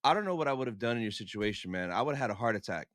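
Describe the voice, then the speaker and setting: A man hosting a podcast, reacting to his guest in relaxed casual chat. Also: medium pitch, rapid-fire, no room sound, clean studio sound. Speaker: podcast host.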